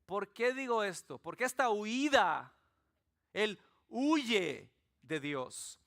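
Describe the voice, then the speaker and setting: A Salvadoran man with a high, slow voice and some vocal fry preaches a sermon in church as pastor, speaking with a Salvadoran Spanish accent. He tells his stories in an animated way, full of humor.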